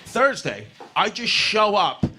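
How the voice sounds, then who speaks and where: A man's voice: high-pitched, very animated, takes it slowly, pushed and bright, faint music behind. A man from New York in his thirties doing a stand-up set in a comedy club, brash and profane, rambling and laughing at his own lines.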